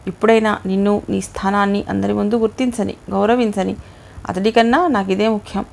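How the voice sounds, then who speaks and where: A woman's voice: mid-range voice, steady tone, fairly quick, vocal fry, a little mellow, lightly acted. A woman voicing a hot-blooded, bitter young man in an audio novel, defiant toward his father.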